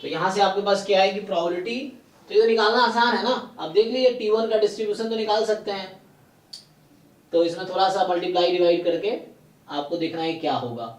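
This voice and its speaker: A man teaching statistics in a live online exam-prep lecture. He mixes English terms into Hindi and explains slowly and deliberately, often checking with questions to his students. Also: sits high. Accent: Indian English terms mixed into Hindi. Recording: roomy and distant from the mic.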